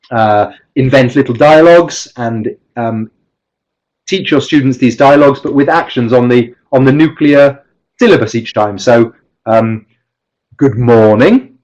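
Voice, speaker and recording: A man's voice: medium pitch, unhurried, darkish tone, highs cut off. A man giving a live webinar talk as a teacher trainer through a computer mic. He explains step by step, often restarts his sentences and stresses his example words. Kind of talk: live online presentation. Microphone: computer mic with webcam.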